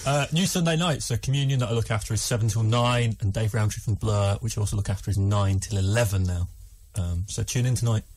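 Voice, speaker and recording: A man's voice: lowish voice, quick pace, darkish tone, slight background noise. A man who is the show's producer, chatting cheerily in a radio studio with bursts of laughter. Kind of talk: casual radio chat.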